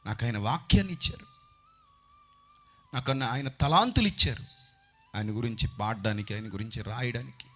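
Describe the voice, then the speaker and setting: A man preaching a sermon into a handheld mic on stage, impassioned, swinging from loud outbursts to hushed pleading. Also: mid-range voice, huge pitch swings, moderate pace, pauses often, faint music behind.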